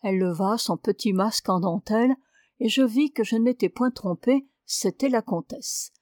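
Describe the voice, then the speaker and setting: A woman's voice: mid-range voice, moderate pace, darkish tone, no echo. A woman reading a classic tale, dry. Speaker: reader. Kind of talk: literary audiobook narration.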